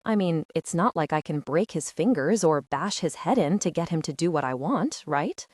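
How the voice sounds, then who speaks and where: A woman's voice: low voice, lively intonation, normal speed, a little mellow, no echo, studio quality. A woman voicing a cruel male vampire raider king who taunts with false friendliness. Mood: taunting.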